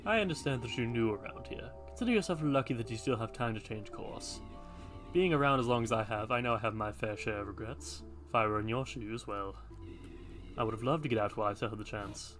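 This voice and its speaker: A hooded company veteran in a video game, acted by a man, formal and ominous. His measured voice has a bright, firm edge over faint music. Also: mid-range voice, close to an everyday voice. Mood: ominous warning. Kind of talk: video game cutscene acting.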